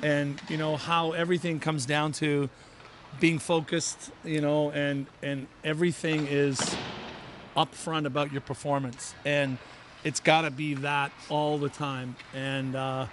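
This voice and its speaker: A man's voice: fairly high pitch, little pitch movement, moderate pace, a bit bright, slight background noise. A middle-aged man from a first-generation Irish family, chatting casually as an interview guest in a rambling way, full of "you know" and restarts. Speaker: interview guest, player's father.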